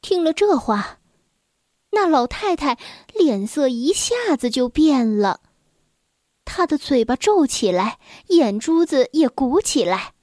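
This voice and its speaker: A woman storyteller reads a children's story slowly and gently in a high voice. The sound is close and dry, with no room around it. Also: very animated, dry recording.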